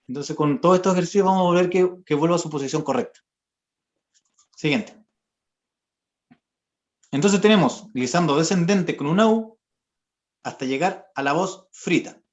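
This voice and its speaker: A man's voice: fairly high pitch, moderate pace, long pauses. A young man, a voice therapist and singer, patiently explaining vocal exercises step by step in an online lesson. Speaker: voice therapist and singer giving a workshop. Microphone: video call. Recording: dull lo-fi video call audio.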